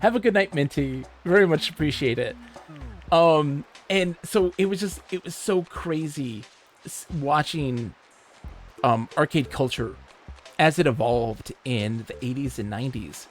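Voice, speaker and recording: A man from Michigan, livestreaming, who tells animated, swear-laced stories and reads chat aloud. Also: mid-range voice, measured pace, soft background music. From Michigan, USA. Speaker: streamer. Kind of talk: casual storytelling while livestreaming a game.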